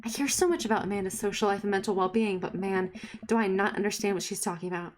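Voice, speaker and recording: A woman reading the lines of a clueless but kindly single father, bemused and gentle. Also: medium pitch, fast, slight background noise, natural voice.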